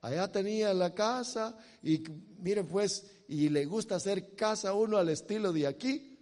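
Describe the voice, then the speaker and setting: High-voiced preacher, loud and soft by turns. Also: male voice, moderate pace. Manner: animated, swings from loud exhortation to soft, quiet asides. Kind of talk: sermon. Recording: long hall reverb.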